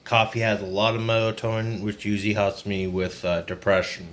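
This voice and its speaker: A man's voice: on the low side, little pitch movement, fairly quick. A man in his twenties talking in a casual, rambling personal vlog, downcast, burned-out and confiding. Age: 20s. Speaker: vlogger. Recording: noisy ambient background.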